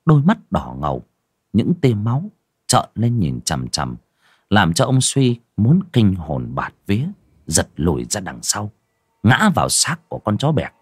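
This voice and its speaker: A man's voice: lowish voice, huge pitch swings, unhurried, husky, no echo, clean studio sound. A man narrating an audio horror story in a dramatic, lurid storytelling manner.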